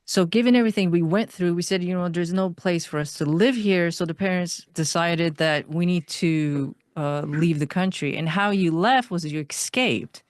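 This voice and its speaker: A woman from Iran, a guest on an interview podcast, telling her life story in an earnest, steady way. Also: fairly low pitch, normal speed, hardly any pauses, no echo, clean studio sound.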